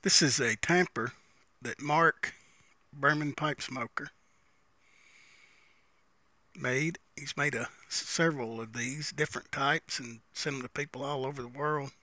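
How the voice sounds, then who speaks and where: A man's voice: medium pitch, measured pace, long pauses, sharp tone, no echo. A man giving a casual, unscripted, folksy review, musing and repeating phrases as he smokes a pipe between them. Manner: talks while smoking a pipe between phrases.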